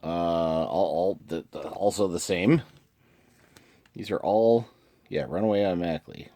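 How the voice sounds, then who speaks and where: A man's voice: deep voice, normal speed, dark tone. A man hosting his own channel, casually reading card text aloud with short asides and chuckles. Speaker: channel host reviewing card game cards.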